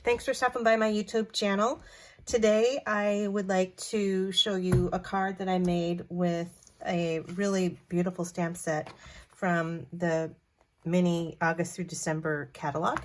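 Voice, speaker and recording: A woman with a fairly low voice walks through a craft tutorial in a casual, chatty way. She corrects herself now and then and keeps things friendly. Faint background noise sits under the recording. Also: level tone, unhurried. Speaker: card-making tutorial host.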